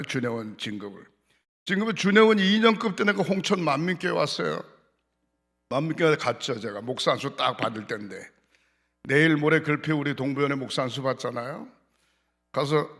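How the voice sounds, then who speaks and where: An older man, a pastor, preaching a sermon in a church, telling stories in a blunt, folksy, colloquial way. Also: fairly high pitch. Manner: colloquial and lively. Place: church sanctuary.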